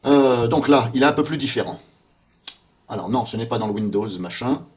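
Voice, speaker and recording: A man narrating a screen-recorded software walkthrough, thinking aloud and muttering in puzzlement as he clicks through menus. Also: medium pitch, animated, moderate pace. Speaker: software tester.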